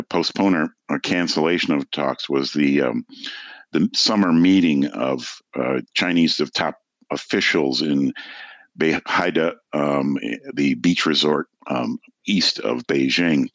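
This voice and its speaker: A man with an extremely deep voice explains the news as an editor on a podcast. His delivery is measured and halting, with frequent pauses. The sound is dry and close. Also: no echo. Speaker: political economy editor, podcast guest. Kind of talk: unscripted news analysis.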